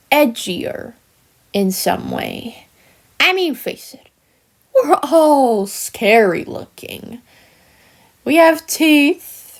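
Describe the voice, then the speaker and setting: A jealous, smug villainess from a cartoon, a critter character, talks in a high, exaggerated voice whose pitch leaps up and down. She drags her words out slowly with a theatrical, falsely sweet menace, taunting and sinister like a fan-made animated monologue, and sounds self-justifying throughout.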